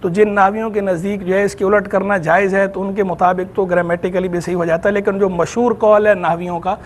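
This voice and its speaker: Brief: Pakistani male scholar, high-pitched, methodical TV explainer, faint studio hum. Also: little pitch movement, a little fast. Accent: Pakistani Urdu. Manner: patient, methodical explaining of grammar terms. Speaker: Islamic scholar answering questions. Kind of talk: explanatory religious Q&A on TV.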